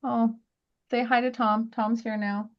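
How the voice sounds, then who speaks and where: A woman's voice: fairly high pitch, little pitch movement, unhurried, lo-fi sound. A woman teaching a live crafting class at home, chatty and friendly, walking viewers through each step. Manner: chatty, friendly instructing with little laughs.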